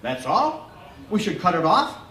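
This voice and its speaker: A man voicing a fast-talking, wisecracking male doctor with gruff, mock-grumpy jokes, read aloud in a roomy hall. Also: high voice, sing-song, pushed and bright, full character voice. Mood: grumpy teasing. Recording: roomy hall picked up from a distance.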